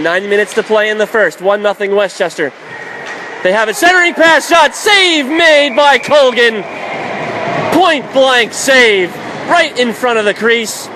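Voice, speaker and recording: A high-pitched, unhurried male voice gives live radio play-by-play of an ice hockey game in clipped, vivid phrases. It's live sports commentary from a noisy arena, with the arena's background noise clearly audible.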